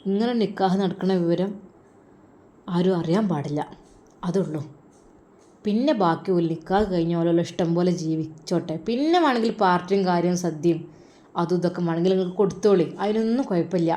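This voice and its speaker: A woman plays an older man with a Malabar accent who leans in with hushed, confiding advice. He speaks frankly to a worried father in a storybook reading. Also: fairly low pitch, fairly quick, pitched below the performer's own voice, lightly acted. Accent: Malabar Malayalam.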